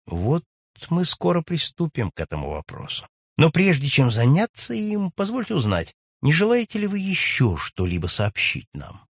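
A keen, reasoning detective, as a man reads him, precise and deliberate in every phrase. His husky voice rises and falls in a lively way. The sound is dry and close, in a spoken storybook. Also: fairly high pitch, no echo, pitched above the performer's own voice, heavily acted. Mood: measured. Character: keen, reasoning male detective, measured and exact.

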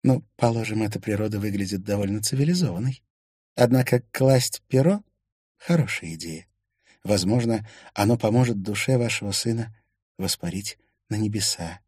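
A man's voice: fairly low pitch, normal speed, darkish tone, slightly rough, no echo, clean studio sound, voice pushed up. A man reading an audiobook, voicing a young woman who speaks politely with a touch of irony. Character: young woman Dagny, polite and lightly wry.

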